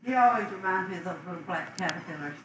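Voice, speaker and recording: Off-mic woman bantering playfully, heard faintly in a roomy space with loud noise behind her. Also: lowish voice, quick pace. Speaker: family member off camera. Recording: roomy, noisy, far from the mic.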